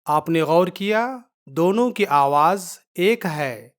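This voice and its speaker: A woman's voice: lowish voice, expressive. A woman teaching a Quran reading lesson, patiently explaining step by step, repeating each point and drawing out the letter sounds.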